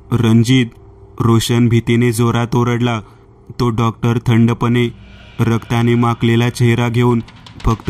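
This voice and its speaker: Male horror narrator, slow and steady, extremely flat delivery. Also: medium pitch. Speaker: horror storyteller.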